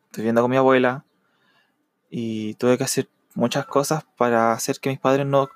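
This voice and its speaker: A young man with a Chilean accent, a student telling his own story in a reflective, halting way with many fillers. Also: medium pitch, little pitch movement, no room sound. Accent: Chilean Spanish. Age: young adult. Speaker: university student. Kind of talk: personal testimony.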